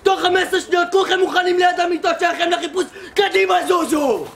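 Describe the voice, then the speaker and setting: Young woman playing high-voiced, barking army squad commander. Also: gravelly. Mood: barking, mocking. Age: teen or young adult. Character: strict army squad commander, barking, mocking, bullying recruits. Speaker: student actor. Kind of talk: amateur school stage play. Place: school theatre hall. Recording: live stage, audience noise.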